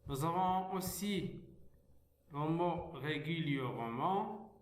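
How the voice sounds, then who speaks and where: A man teaching a French reading lesson at a very slow, careful pace, spelling out syllables and repeating each word. His voice sits a little high and rings in an echoey room. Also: lively intonation. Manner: reads slowly, spells out syllables, repeats words.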